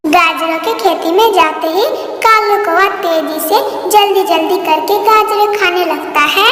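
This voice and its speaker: A woman's voice: very high-pitched, a little slow, fairly bright tone. A woman narrating a children's cartoon story in a simple storybook manner. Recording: echoey hall with faint noise.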